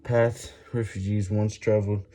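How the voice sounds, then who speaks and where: A man reading a book aloud while doing push-ups, halting and stumbling over words with some physical strain. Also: lowish voice, flat delivery, mellow, faint music behind. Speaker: reader making a daily reading-while-exercising video.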